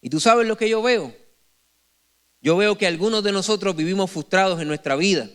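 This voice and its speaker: A man's voice: sits high, normal speed, clear, resonant tone. A man in his forties, a pastor, preaching a sermon to his congregation in a church, telling stories animatedly and joking with the people, often restarting his phrases. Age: 40s. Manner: frequent self-corrections and restarts. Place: church sanctuary before a congregation.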